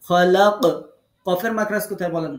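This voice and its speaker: Heard in a rough, echoey recording, this fairly quick, high-voiced man has a Bangladeshi Bengali accent. He teaches recitation over a video call, patiently quizzing students and correcting their pronunciation in an encouraging way.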